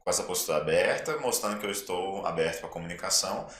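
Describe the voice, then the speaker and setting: A man's voice: deep voice, expressive, fast, fairly bright tone, roomy sound, a little hiss or hum. A man with a Brazilian Portuguese accent co-hosting a nutrition podcast, summing up each point and moving on to the next topic. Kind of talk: casual podcast discussion.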